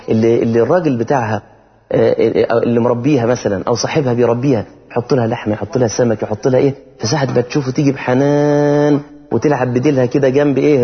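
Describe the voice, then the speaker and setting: A man preaching with an Egyptian Arabic accent, talking casually and lively, then slowing down to chant verses in a melodic tone. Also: mid-range voice. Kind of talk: sermon. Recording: dull sound with long hall reverb.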